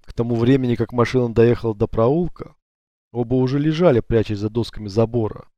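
Mellow-voiced male audiobook narrator. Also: mid-range voice, a little fast, no room sound, muffled recording.

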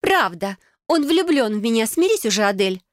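A woman's voice: on the high side, expressive, brisk, no echo, clean studio sound, pitched above the performer's own voice, close to an everyday voice. A woman voicing a haughty, mocking young woman who taunts her cousin in an audiobook. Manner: taunting, smug.

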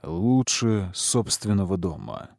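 A man voicing a cautious, wise older male guard who mumbles slowly. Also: sits low, big pitch swings, vocal fry, darkish tone, dry recording, studio quality, exaggerated voice. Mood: measured. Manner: slow, mumbling.

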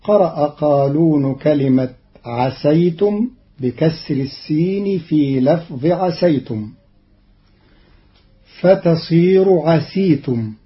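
A man explaining Quran readings in a measured, deliberate scripted radio talk, from an old archival radio recording. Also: on the high side, dull audio.

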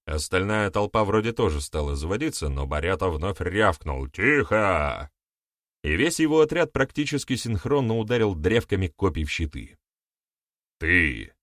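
A man narrating a story in an even, measured reading. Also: low-pitched, no room sound, studio quality. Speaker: audiobook narrator. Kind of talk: scripted narration.

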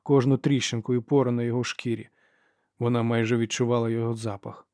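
A man with a mid-range voice narrates an audiobook, reading from a script in a steady, measured way. The recording is clean studio sound with no echo.

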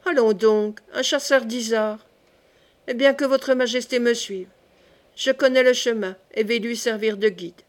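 A woman reading the part of a devoted young male gentleman who speaks urgently and pressingly. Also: on the high side, steady tone, a little slow, natural voice. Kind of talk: audiobook character reading.

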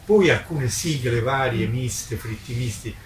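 At a live book presentation during a festival, an older independent publisher gives an impromptu speech in a medium-pitched, unhurried voice. He is emphatic and polemical, repeating words for emphasis, captured on a distant mic with echo and noisy ambience.

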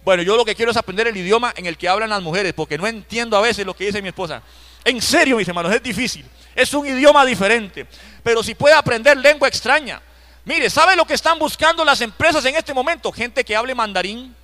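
A man's voice: extremely high pitch, a little fast, pushed and bright. A man with a Costa Rican accent, a pastor giving a live Bible study in church, emphatic, repeating key phrases and asking the congregation direct questions. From Costa Rica.

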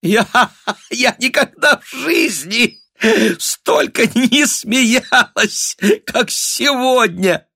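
A man's voice: big pitch swings, unhurried, a bit bright, no echo, clean studio sound, heavily acted. A man voicing a bold, mocking young princess who laughs at the man threatening her. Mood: laughing. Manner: laughing, teasing, high-spirited.

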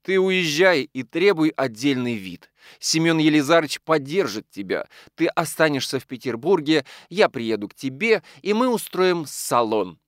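A man's voice: fairly high pitch, big pitch swings, normal speed, hardly any pauses, dry recording, studio quality, pitched above the performer's own voice. A man voicing a vain, coquettish old colonel's widow who speaks grandly and condescendingly. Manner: affected and condescending.

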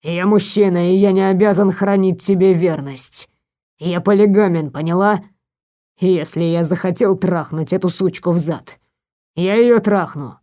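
A woman's voice: on the low side, unhurried, warm tone, pitched below the performer's own voice, natural voice. A woman reading an audiobook voices a cruel, domineering man who hisses and barks his commands. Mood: cold contempt. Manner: hissing, barking commands. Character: domineering cruel male doctor, cold and contemptuous. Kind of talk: audiobook character voice.

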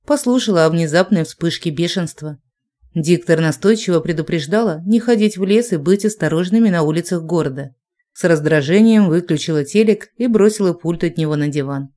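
A woman reading a first-person audiobook in a tense, even manner. Her voice is fairly low and warm. She keeps a steady storytelling pace. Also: brisk. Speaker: narrator.

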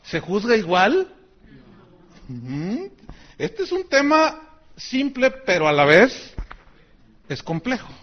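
A middle-aged Mexican pastor preaches in a loose, joking manner and acts out the voices of people in his stories. His voice sits high for a man. The recording sounds dull and lo-fi. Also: wildly swooping pitch, slow pace, pauses often. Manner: chatty and joking, acting out quoted voices. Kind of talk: sermon with personal anecdotes.

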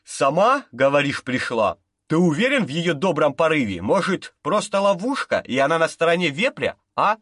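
A man's voice: a little high, very animated, moderate pace, fairly bright tone, breathy edge, no room sound, exaggerated voice. Brusque male gang boss barking orders, raised voice, close dry sound, as a man reads him. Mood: suspicious. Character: tough commanding male gang boss, adult.

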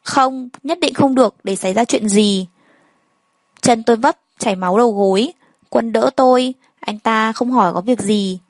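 Woman calmly narrating a story. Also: fairly high pitch, normal speed, dry recording, poor audio. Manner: plain first-person storytelling, reading every character's lines in much the same voice. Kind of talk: first-person story reading.

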